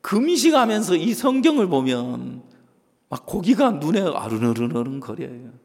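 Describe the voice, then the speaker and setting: A man preaches a sermon in a church sanctuary, his voice pitched high and very animated. He swings between loud, stressed phrases and soft asides. Long reverb hangs in the hall around him. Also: normal speed. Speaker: pastor.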